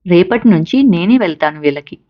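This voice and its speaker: A woman's voice: on the low side, animated, brisk, lo-fi sound. A woman voicing a friendly, matter-of-fact middle-aged male professor. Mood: courteous.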